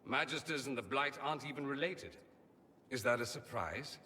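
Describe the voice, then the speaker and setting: A man's voice: medium pitch, expressive, moderate pace, pushed and bright, long reverb tail, a little hiss or hum. An actor playing a witty, self-assured male mage from a foreign empire, theatrical in manner, in video game dialogue. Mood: brooding.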